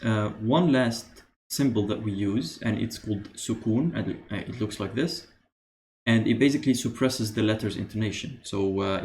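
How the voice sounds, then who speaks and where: A man teaching beginner Arabic, explaining patiently with pauses and many "uh"s. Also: fairly low pitch, darkish tone, a little hiss or hum. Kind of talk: beginner language lesson.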